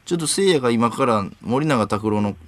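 A man with a Kansai accent hosting a late-night radio show, running segments briskly and laughing often. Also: medium pitch, animated, no echo. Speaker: radio host.

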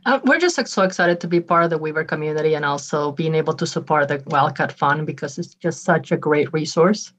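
A woman in her forties from Ecuador, a nonprofit leader, chats as a podcast interview guest in a low voice. She talks a little fast with few pauses, sounding upbeat and often using ums and restarting sentences.

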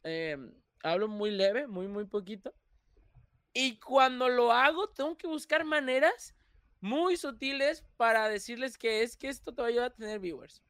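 A young man with a Mexican Spanish accent, talking as a guest in a casual interview, animated and quick to laugh. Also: very high-pitched, smooth, no echo. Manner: animated, laughs often, restarts phrases. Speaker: YouTuber guest.

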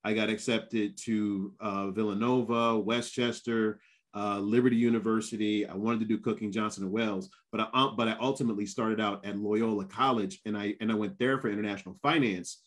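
A man in his fifties chatting casually and telling stories in an animated way, with emphatic repetition. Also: lowish voice, brisk. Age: 50s. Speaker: guest, former Marine. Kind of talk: casual conversational storytelling.

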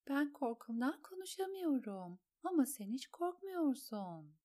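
A woman's voice: high voice, very animated, measured pace, warm tone, voice pushed up. A woman voicing an anxious, polite young noblewoman in an audiobook, whispering the girl's inner thoughts. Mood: soothing.

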